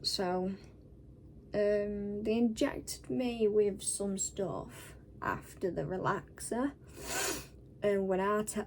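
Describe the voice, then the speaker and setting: Woman, Northern English accent, after wisdom-tooth removal, weary, sore scratchy throat, slow pace, casual storytelling, faint background noise. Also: mid-range voice, a little mellow. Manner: sweary, blunt. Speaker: vlogger. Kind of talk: casual personal storytelling to camera.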